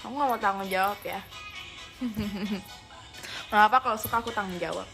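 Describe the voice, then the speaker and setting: Bright, playful young woman streamer. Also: mid-range voice, moderate pace, gravelly, soft background music.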